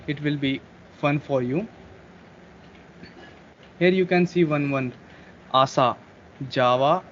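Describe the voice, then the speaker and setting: A somewhat high-voiced man with a Bengali Indian accent gives an informal language lesson. He explains haltingly and repeats words slowly. The recording is dull and lo-fi, with faint noise behind him. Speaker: language teacher.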